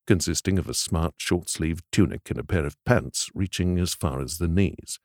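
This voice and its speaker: A deep-voiced man narrates an audiobook in a measured, expressive storytelling style. The recording is dry, with clean studio sound.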